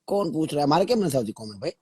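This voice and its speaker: A man with a dark, husky voice, chatting casually with short replies and playful teasing. He sounds close and dry, with no room echo. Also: a little high, big pitch swings, very fast. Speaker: podcast co-host. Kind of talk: casual chat.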